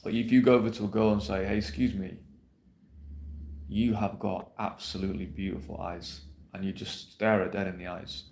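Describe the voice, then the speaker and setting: A man with a lowish, gravelly, darkish voice and fairly even intonation coaches viewers on dating at a moderate pace, speaking straight to camera. He's blunt and brash, emphatic, swearing liberally and asking "yeah?" to check in. The recording has a roomy echo.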